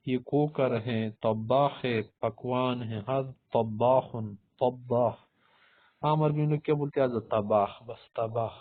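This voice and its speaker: A man teaching a vocabulary lesson, who asks his own questions, answers them and repeats each word several times. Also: medium pitch. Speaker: Arabic teacher. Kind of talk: Urdu-language vocabulary lesson. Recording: tinny phone-like audio.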